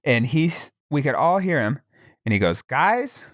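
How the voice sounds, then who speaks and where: Young man, podcast guest; casual, animated storyteller who laughs and swears along the way; dry, close sound. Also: mid-range voice, normal speed, no echo.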